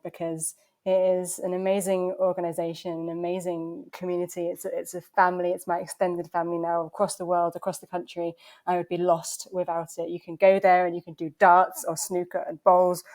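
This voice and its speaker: Here is a woman with a low, easygoing speaking voice, talking through her answers as a podcast guest. She is casual and quick to laugh, and she often stops and restarts mid-sentence. She sounds like a young adult. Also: a little mellow. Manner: chatty, laughs easily, with halting restarts. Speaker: podcast guest, transplant athlete.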